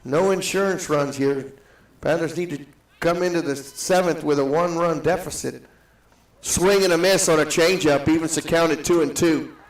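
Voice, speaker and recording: A man calling a softball game live in a steady, matter-of-fact way, his voice ringing with a cave-like echo. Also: a little high, normal speed, far from the mic. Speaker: play-by-play announcer. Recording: echoey booth, set back from the mic.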